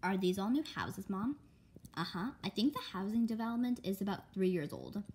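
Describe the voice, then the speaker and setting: A woman with a mid-range voice reads a comic story aloud briskly and with animation, acting out the characters' dialogue and voicing the sound words.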